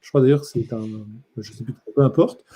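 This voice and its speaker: Guy journalist giving a talk, real husky voice, gets fired up and emphatic. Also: mid-range voice, a little fast, mellow. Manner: impassioned, emphatic. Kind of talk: conference talk.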